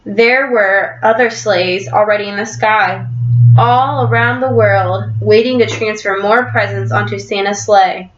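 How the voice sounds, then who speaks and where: A woman's voice: medium pitch, fairly even intonation. Encouraging teacher woman, echoey classroom. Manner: encouraging, asks quick questions. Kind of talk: reading aloud and questioning in class. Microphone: computer webcam. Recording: echoey room, dull lo-fi sound.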